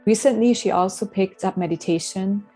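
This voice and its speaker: A female podcast host with a medium-pitched, slightly breathy voice reads a scripted guest introduction over soft background music. Her manner is measured, and once the interview questions begin she offers gentle, affirming mm-hmms.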